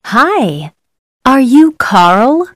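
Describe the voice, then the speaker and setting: Friendly lady quizzing kids for course audio, high sing-songy, slow, dry sound. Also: big pitch swings, no echo, exaggerated voice. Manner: clear, deliberate questions. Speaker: voice on an English course listening recording.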